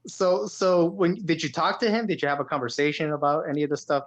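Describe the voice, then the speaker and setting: A man's voice: a little high, fairly even intonation, quick pace, highs cut off. A man in casual conversation who laughs often, says bro, and fills with like.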